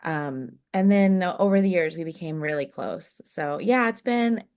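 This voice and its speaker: A jazz singer in her thirties from Oklahoma, USA, tells warm anecdotes in a podcast interview, laughing easily and using lots of fillers. Her fairly low voice is animated and smooth, at a normal speed.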